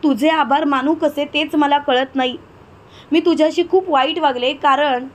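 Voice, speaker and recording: Dignified young wife and mother, as a woman narrator plays her; measured, firm, high-pitched. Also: steady tone, close to an everyday voice.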